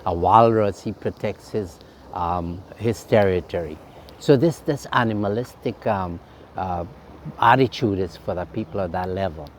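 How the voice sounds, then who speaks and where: A man with a fairly low voice gives an informal spiritual talk outdoors by a fountain. He speaks as a swami, unhurried and reflective, often pausing on "um". Faint outdoor ambience and passing traffic sit behind him. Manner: unhurried and reflective, with frequent ums.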